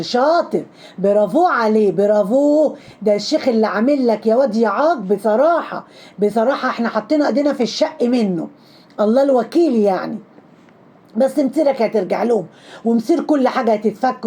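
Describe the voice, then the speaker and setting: A woman with an Egyptian accent rattles off gossip commentary at a rapid clip. Her voice sits a little high but mellow. She is sarcastic and mocking throughout. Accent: Egyptian Arabic.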